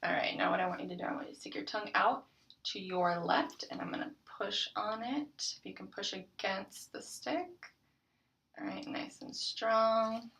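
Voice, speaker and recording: A young woman, a student clinician, giving calm, patient step-by-step instructions in a practice oral exam. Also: mid-range voice, a little fast, gravelly, a little hiss or hum.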